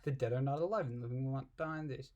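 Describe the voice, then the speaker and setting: Talking very fast in a medium-pitched, darkish voice, a man reads aloud and adds casual commentary. He's an amateur reader, coming across as irreverent, giggly, and puzzled.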